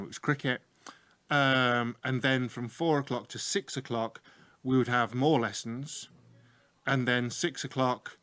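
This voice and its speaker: Here a middle-aged man with a broad Yorkshire accent from northern England, an IT teacher who also hosts a show, jokes his way through casual radio chat like a storytelling teacher. He speaks at an ordinary pitch, captured close and dry in a small room with a slightly bright sound.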